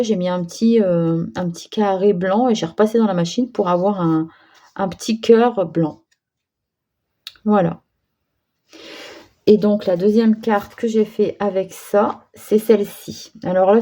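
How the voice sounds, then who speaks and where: Chatty French-speaking woman, mellow voice. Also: mid-range voice. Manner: chatty, hesitant, many fillers and restarts. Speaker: crafting vlogger. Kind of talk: casual craft demonstration.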